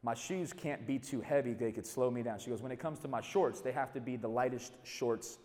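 A middle-aged male pastor preaching a storytelling sermon, dropping quiet and then building to loud emphasis. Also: medium pitch, brisk. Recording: reverberant hall.

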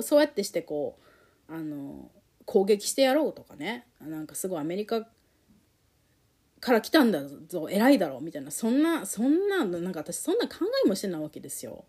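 A woman tells a personal story, her pitch swinging widely as she grows emotional. Her voice is mellow and soft-edged. She talks candidly and reflectively, with many fillers and pauses. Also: breathy edge.

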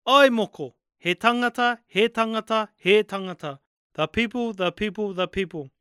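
A narrator voicing a wise, patient grandparent in storybook dialogue, with a Māori New Zealand accent and a measured, instructive manner. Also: mid-range voice, fairly bright tone, clear, resonant tone, dry recording, studio quality, lightly acted. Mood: patient, teaching. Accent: Māori New Zealand English.

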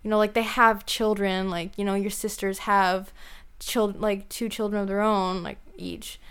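A woman's voice: medium pitch, flat delivery, moderate pace, smooth. A young woman co-hosting a podcast, chatting casually and filling her talk with "like" and "you know". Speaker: podcast co-host. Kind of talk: casual chat.

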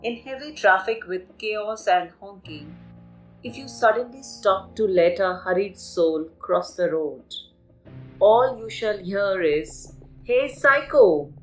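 A woman from Kolkata with an Indian English accent hosts a poetry podcast and recites her poem in an emphatic voice with dramatic pauses. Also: medium pitch, faint music behind, rough recording.

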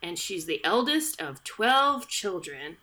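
A woman's lowish voice swings widely in pitch, sounding pushed and bright as she speaks slowly. As a podcast host on a studio mic, she retells history in a casual, joking manner, with plenty of fillers and side remarks.

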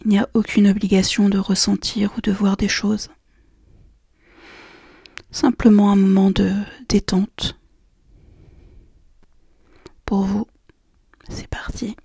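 A woman guiding a relaxation and meditation session in a soft, slow, half-whispered voice. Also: medium pitch, flat delivery, vocal fry, slightly rough, no room sound, clean studio sound. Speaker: relaxation guide. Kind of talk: guided meditation.

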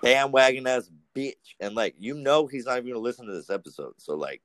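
A young man chatting casually on a podcast, rambling and crude, telling stories with animated voices. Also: on the low side, quick pace, dry recording. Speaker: podcast guest. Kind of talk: casual profane chat.

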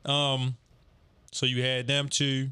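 A man's voice: medium pitch, monotone, slow pace, pushed and bright, clear, resonant tone, no room sound. A man chatting casually, thinking aloud as he recalls details. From Baltimore area. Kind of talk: casual chat.

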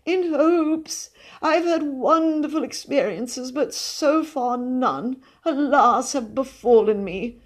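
A dreamy, eccentric elderly lady, voiced by a woman reading aloud, sighing and affected, her voice lifted high and drawn out. Her tone stays airy and precious. It is read from a storybook. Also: slow, hardly any pauses. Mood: wistful.

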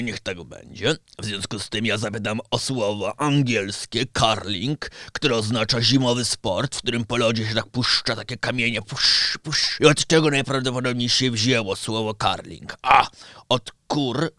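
A man's voice: medium pitch, normal speed, sharp tone, dry recording, studio quality, lightly acted. A man voicing a playful uncle who asks quiz questions and cracks corny jokes. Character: joking uncle posing quiz riddles.

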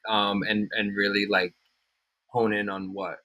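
A man's voice: on the low side, flat delivery, measured pace, sharp tone, dry recording, poor audio. A man hosting a casual podcast interview, asking questions hesitantly and agreeing often. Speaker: podcast host.

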